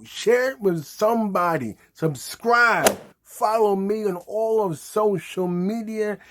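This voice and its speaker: A man teaching ventriloquism in an upbeat, slangy, chatty way. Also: fairly high pitch. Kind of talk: casual tutorial.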